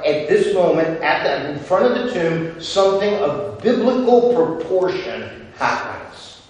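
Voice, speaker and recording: A man preaching a sermon as a pastor, swinging from loud, excited passages to very quiet, intimate ones. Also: on the high side. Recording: echoey hall from far off.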